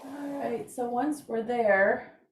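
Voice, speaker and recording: A woman runs an exercise class, offering easygoing encouragement, chatting and counting along. Her voice is a little high and slow. With the microphone far away, the room echoes, and there is a little hiss or hum.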